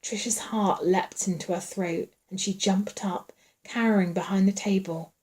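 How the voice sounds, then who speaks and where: A woman reading a horror novel aloud in a hushed, suspenseful way, dropping at times to a whisper. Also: medium pitch, fairly even intonation, a little slow. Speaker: audiobook reader.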